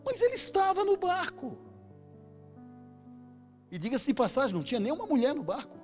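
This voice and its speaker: A man with a Brazilian Portuguese accent preaching a sermon, telling a story and acting out the voices of its characters, building up to shouts. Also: very high voice, huge pitch swings, fairly quick, faint music behind. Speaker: pastor.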